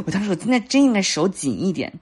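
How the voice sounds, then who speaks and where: A woman in her thirties tells stories on a podcast in a rush of words, her voice swooping up and down as she plays every part herself. Her tone is slightly husky and breathy. She laughs often and keeps the chat casual. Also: mid-range voice. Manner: animated, acts out dialogue, laughs often. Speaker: podcast co-host.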